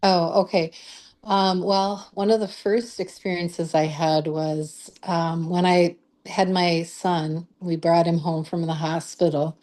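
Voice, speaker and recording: A woman guest recounts a personal story in an interview. Her voice is low and mellow, and she speaks very slowly, pausing often with hesitant fillers. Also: flat delivery. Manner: slow, hesitant, many fillers. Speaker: guest, Reiki practitioner and author.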